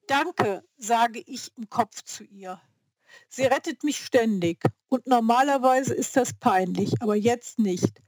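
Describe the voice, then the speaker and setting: A woman reads a novel aloud in the first person, taking her time over each phrase. Her voice sits a little high. The recording is close and dry, with no room sound. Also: a little mellow, dry recording. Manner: slow, measured reading. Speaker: audiobook narrator. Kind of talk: scripted first-person narration.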